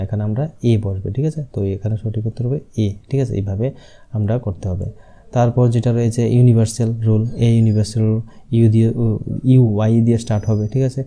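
A man's voice: mid-range voice, mellow. A man with a Bengali accent teaching an exam-prep grammar lesson, explaining each point step by step and checking with his students after each one. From Tripura, India. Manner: reads English rules slowly, word by word.

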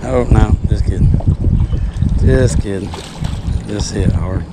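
A man's voice: fairly low pitch, takes it slowly. A man giving laid-back, folksy commentary while fishing from a small boat on a lake, recorded on an action camera. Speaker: fishing vlogger. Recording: loud outdoor wind and water noise. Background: outdoor water noise.

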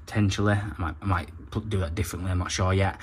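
A man's voice: sits low, steady tone, quick pace, a little hiss or hum. A young man, a plumber talking casually as he films his work and explains each step in a practical, chatty way. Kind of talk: casual vlog narration. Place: factory floor, then a house kitchen.

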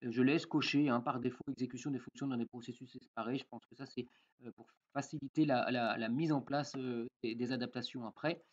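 A man walking through a software tutorial in a casual way, with many fillers and frequent "d'accord?" check-ins. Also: medium pitch, steady tone, a little fast, lo-fi sound. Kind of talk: screen-recorded software tutorial.

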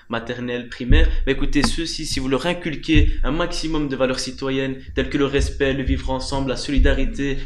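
A young man speaking emphatically in a political interview, with many fillers and repeated words, at a studio desk microphone. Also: medium pitch. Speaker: political candidate. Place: small TV studio. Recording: roomy studio with faint hiss.

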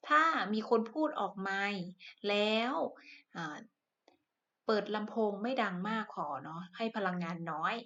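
A woman's voice: medium pitch, a little slow, pushed and bright. A woman teacher giving a science lesson to primary pupils, speaking patiently with polite phrase endings and frequent fillers. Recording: muffled lo-fi recording.

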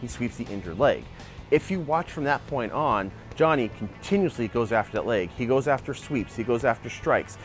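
Animated man arguing a point outdoors. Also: mid-range voice, normal speed, faint music behind. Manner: animated, gestures a lot while arguing a point. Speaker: martial arts channel host. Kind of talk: opinionated video commentary. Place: outdoor backyard by a wooden fence. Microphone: lapel mic.

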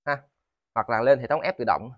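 Southern Vietnamese man, halting casual sales patter. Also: medium pitch, no room sound, highs cut off. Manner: halting, repeats words and phrases. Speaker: seller of used motors and machine parts. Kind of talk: casual, rambling sales vlog. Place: indoors in a cluttered tiled storeroom.

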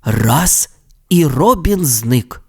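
A man narrating a children's audio fairy tale with expressive, animated storytelling. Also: medium pitch, extremely slow, slightly rough.

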